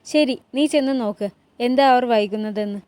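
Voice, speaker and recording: A woman voicing a dignified older queen mother in a palace drama recap, reading her lines in a warm, motherly way. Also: fairly high pitch, moderate pace, lightly acted. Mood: kindly.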